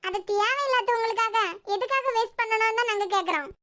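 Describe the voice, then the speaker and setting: A woman's voice: extremely high pitch, fast, bright, forceful tone, a little hiss or hum. A woman voicing a blunt, protective young friend in a cartoon series, lecturing firmly with a Kanyakumari Tamil accent. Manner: firm, lecturing.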